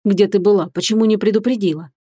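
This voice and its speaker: A woman reading an audiobook, voicing a young man in love, earnest and a little lower than her own voice. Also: steady tone, quick pace, warm tone, breathy edge, no room sound, close to an everyday voice. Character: young man, loving, worried fiancé.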